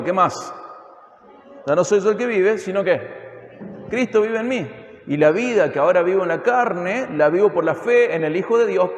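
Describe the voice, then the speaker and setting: A man with a Córdoba Argentine accent preaches a sermon, his voice sitting high for a man. He keeps pushing emphatic rhetorical questions at the listeners. The sound rings around a church hall with a long, roomy reverb. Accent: Argentine Spanish (Córdoba). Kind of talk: expository sermon.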